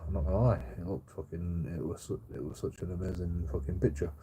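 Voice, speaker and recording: A blunt man from Bradford, West Yorkshire, in his forties, with the local accent, hosts a livestream and rants casually about his views. His deep, mellow voice comes out fast, with a little hiss or hum behind it. He swears, repeats himself, and frequently finishes sentences with "you know."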